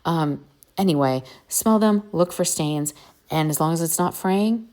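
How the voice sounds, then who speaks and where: Talking directly to her viewers, this woman hosts a how-to video about vintage reselling in a low, slightly mellow voice at a measured pace. Her manner is casual, eager and chatty.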